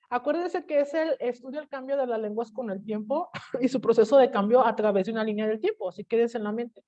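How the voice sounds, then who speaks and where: Mexican woman, teacher, lively storytelling, fairly high voice, lo-fi online audio. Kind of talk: online class lecture with personal story.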